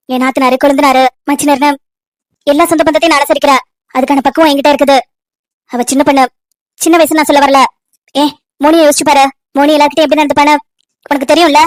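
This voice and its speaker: Woman doing a preachy older sister who keeps lecturing, high fast voice. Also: no room sound. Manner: lecturing, persuasive. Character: sharp-tongued elder sister, self-righteous.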